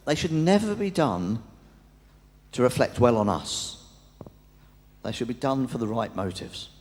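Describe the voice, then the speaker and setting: A man preaching a sermon in a conversational way, asking rhetorical questions. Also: medium pitch. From England. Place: church. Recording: long church reverb.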